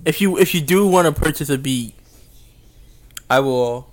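A man's voice: a little high, measured pace. A young man co-hosting a podcast, laid-back and drawling, leaning on "man" and "you know". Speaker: podcast co-host and editor. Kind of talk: casual podcast chat.

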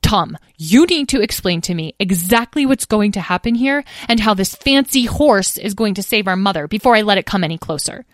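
A woman's voice: medium pitch, expressive, fairly quick, few pauses, no echo, studio quality, close to an everyday voice. A woman reading a storybook, voicing a sarcastic, protective young female pony. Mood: demanding. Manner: sarcastic, indignant.

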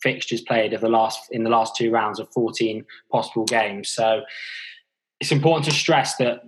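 A man's voice: on the low side, steady tone, moderate pace, husky, poor audio. A man co-hosting a podcast, chatting casually about sport with some hesitant restarts. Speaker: podcast co-host.

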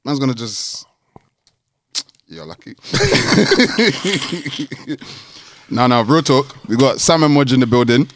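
A man's voice: medium pitch, huge pitch swings, takes it slowly, a little hiss or hum. A man with a London roadman accent, co-hosting a podcast in casual, slang-heavy banter. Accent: London, urban street slang. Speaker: podcast co-host.

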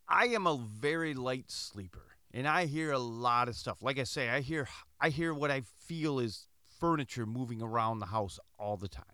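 In an echo-free studio recording, a middle-aged Michigan podcast host narrates a casual story monologue in a mid-range, clean voice. He's lively throughout, acting out the dialogue with distinct quoted voices.

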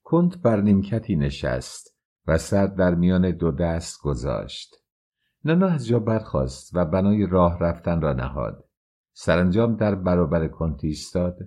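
A man reading a novel aloud as an audiobook narrator, in a steady, measured manner. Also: deep voice. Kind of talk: scripted narration.

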